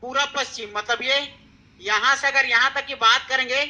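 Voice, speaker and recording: A man teaches an exam-prep lesson in a very high, piercing voice. He repeats each point, quizzes his listeners and checks in with them after every step. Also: fairly even intonation, normal speed, bright, forceful tone, dull audio. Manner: repetitive, keeps asking students questions and checking with "theek hai". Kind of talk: exam-prep classroom lecture.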